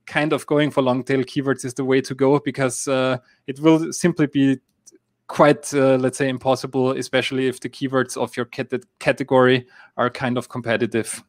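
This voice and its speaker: An Austrian app marketing expert whose first language is German appears as a guest in a live-stream Q&A, explaining app marketing with plenty of fillers and hedges. His medium-pitched voice stays level at a normal speed. The sound is studio quality with no room sound.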